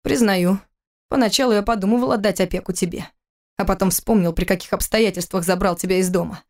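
A woman's voice: mid-range voice, steady tone, brisk, a little mellow, lightly acted. A woman voicing a cold, furious adult husband in an audiobook, speaking in a harsh, clipped, contemptuous way. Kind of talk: audiobook character reading.

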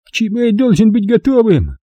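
A man's voice: high-pitched, wildly swooping pitch, brisk, dark tone, no room sound, muffled recording, voice pushed up, full character voice. A man voicing a terrified middle-aged male dealer who babbles and pleads for his life in an audiobook. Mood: frightened. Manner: pleading, babbling, near tears. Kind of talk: audiobook reading.

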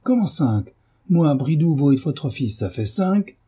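A man reading aloud, voicing a brutal middle-aged father who shouts roughly and sarcastically. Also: a little high, very animated, a little slow, pitched above the performer's own voice, heavily acted. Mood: furious, gruff.

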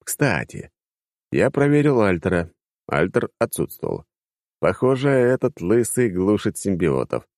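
A man reading a first-person audiobook in a wry, lively narration style. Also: unhurried, no room sound, studio quality. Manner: lively, wry, sweeping pitch.

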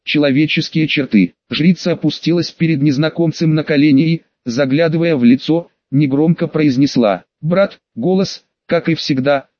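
A man narrating a fantasy audiobook in a steady storytelling manner, voicing characters softly. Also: a little high, normal speed, few pauses, no echo. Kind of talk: scripted narration. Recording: dull, close, dry recording.

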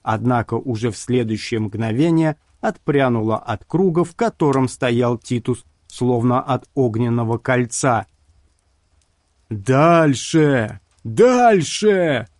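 A man reading a horror story aloud in a slow, measured way. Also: medium pitch, a little mellow, no room sound. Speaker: audiobook narrator. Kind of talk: scripted narration.

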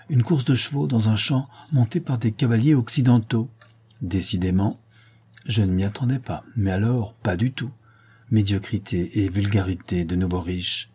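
A man reading a novel aloud as first-person narrator, in a measured, deliberate way. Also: on the low side, mellow, husky. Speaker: audiobook reader.

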